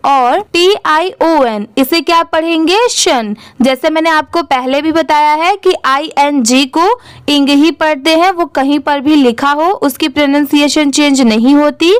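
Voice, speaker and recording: A woman's voice: high-pitched, no room sound. A woman teaching English reading, spelling words out letter by letter and asking questions as she goes.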